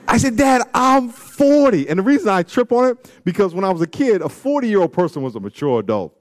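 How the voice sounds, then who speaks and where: A man of forty preaching a sermon, reading scripture and telling stories in a loose, slangy way, swinging from loud peaks to low asides. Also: sing-song, measured pace, long pauses. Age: 40s. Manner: slangy, storytelling. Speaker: pastor.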